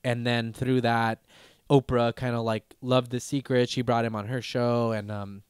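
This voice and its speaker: A man in his thirties rambles loosely through a podcast chat, full of fillers, restarts and casual swearing. His voice is smooth and clear, at an everyday pitch, and it sounds dry and close on the mic. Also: little pitch movement, measured pace, dry recording. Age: 30s. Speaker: podcast host.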